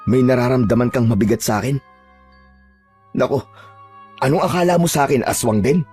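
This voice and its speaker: A man tells a first-person horror tale, his voice somewhat husky and breathy. He speaks bluntly and warily, with a tough streetwise edge, while faint music runs underneath. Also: medium pitch, fairly quick, a little mellow. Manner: blunt, tough-talking, wary, with short laughs. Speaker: storyteller narrating in first person. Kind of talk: first-person horror story narration with dialogue.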